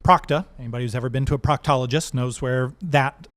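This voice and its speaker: A man's voice: mid-range voice, fast talker. A man who works at a zoo, a guest on a casual podcast, eagerly explaining animal facts and quizzing the hosts. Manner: enthusiastic, explanatory, laughs at own jokes.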